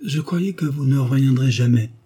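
A man's voice: medium pitch, normal speed, mellow, slightly rough, pitched above the performer's own voice, close to an everyday voice. A man reading the lines of a proud, impulsive young French duke in an audiobook, in an indignant, dignified voice.

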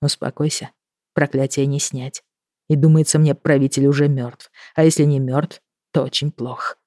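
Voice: mid-range voice, level tone, mellow, no room sound, close to an everyday voice. A reader voicing a sly, teasing thief-lord lute player. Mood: grim calm. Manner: dry, teasing, unhurried. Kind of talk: audiobook character voice.

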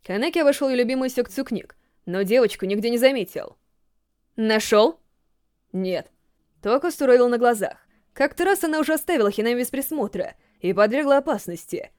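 A woman reading a story aloud in a steady, measured audiobook narration. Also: a little high, no room sound, studio quality. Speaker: audiobook reader.

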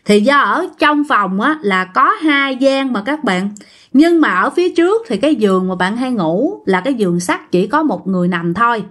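A woman tells her listeners a ghost story at a moderate pace, her voice on the high side. She's lively and acts out the voices of the characters she quotes.

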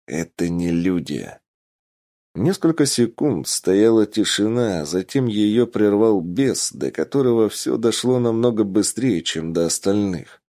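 A man narrating an audiobook with expressive storytelling. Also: fairly low pitch, a little slow, hardly any pauses.

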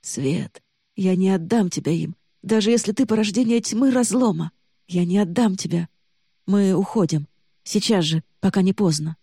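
A woman reading the lines of a young man who is harsh and reproachful, then hushed and urgent. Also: medium pitch, normal speed, husky, no room sound, studio quality. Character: young man, accusing, then desperately protective.

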